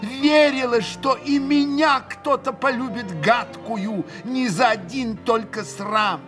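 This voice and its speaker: A man's voice: very high-pitched, slow pace, a bit bright, soft background music, voice pushed up, exaggerated voice. A man voicing a frenzied, tearful young woman. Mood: anguished frenzy. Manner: hysterical outbursts, bitter and sobbing.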